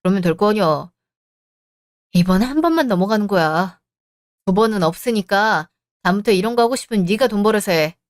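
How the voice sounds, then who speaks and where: A woman's voice: mid-range voice, lively intonation, fairly quick, no echo, clean studio sound. A woman reading a radio drama as narrator and wife, with a firm, cold, curt manner.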